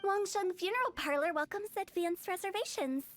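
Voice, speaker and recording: Hu Tao, mischievous and morbid. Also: female voice, very high voice, moderate pace, soft background music. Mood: teasing. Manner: teasing, playful, breezy salesmanship about death. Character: young female funeral parlor director, mischievous and morbid. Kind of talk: game cutscene voice acting.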